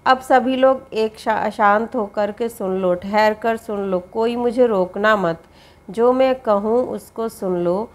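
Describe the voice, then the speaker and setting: In a mid-range voice, a female teacher leads a poetry lesson, reading each line of verse aloud. She then slowly explains it in simple language, repeating herself often.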